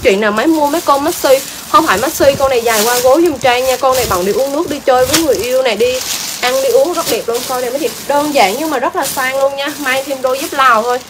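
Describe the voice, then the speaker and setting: A woman's voice: high-pitched, fast talker, noisy background. A woman selling clothes on a livestream, chatty and exclaiming, repeating prices over and over. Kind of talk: fast live-selling patter.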